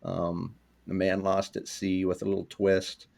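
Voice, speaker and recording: Young guy hosting a podcast, kinda low voice, rambles a lot w lots of ums. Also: completely flat delivery, measured pace, creaky, darkish tone. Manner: rambling, chatty, with frequent ums and laughs. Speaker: podcast host. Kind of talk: casual podcast chat.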